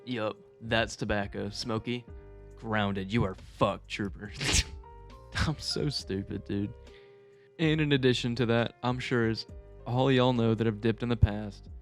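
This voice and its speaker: A young man telling stories casually to viewers in a rambling, amused, profanity-laced way with lots of slang. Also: medium pitch. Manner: amused, chuckling at own tales. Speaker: storyteller video creator. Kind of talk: casual storytime monologue.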